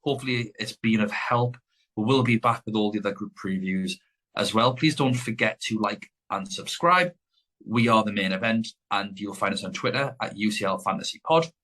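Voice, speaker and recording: A man's voice: lowish voice, moderate pace, pushed and bright. A man co-hosting a podcast, chatting casually and rambling as he corrects himself mid-sentence. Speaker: podcast co-host. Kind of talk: casual chat.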